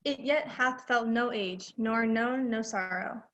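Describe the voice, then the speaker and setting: A young woman, a student actor, playing an anxious and evasive young noblewoman in an amateur Shakespeare scene, speaking quietly and hesitantly. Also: fairly high pitch, takes it slowly, muffled recording. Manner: quiet, soft, hesitant delivery.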